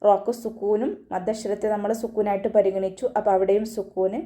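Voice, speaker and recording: A woman teaching an online Quran recitation class, patiently explaining each sound step by step and chanting sample verses slowly in between. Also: mid-range voice, flat delivery, mellow. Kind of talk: online tajweed lesson.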